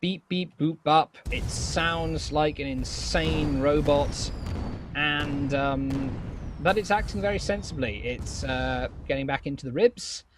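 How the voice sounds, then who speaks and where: A man giving color commentary on a video game match, with a voice a little higher than most men's. He mixes light jokes in with his play descriptions, and he lets out loud, surprised exclamations when the action turns. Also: takes it slowly, slight background noise. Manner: playful, jokey asides, loud surprised exclamations. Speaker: esports co-commentator.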